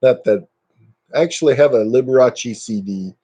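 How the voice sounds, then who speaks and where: A man's voice: medium pitch, normal speed, dark tone, slightly rough. A man in his fifties hosting a casual live stream, chatting and joking at his own expense. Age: 50s. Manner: joking, self-mocking, chatty.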